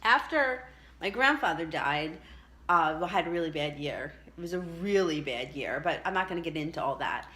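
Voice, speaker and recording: A woman's voice: sits low, animated, moderate pace, pushed and bright. Woman casually sharing a personal story. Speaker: vlogger telling a personal story.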